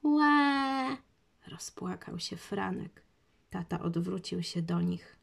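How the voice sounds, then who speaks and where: A woman narrating a children's storybook in a measured reading voice. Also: fairly low pitch, monotone, creaky, darkish tone, breathy edge.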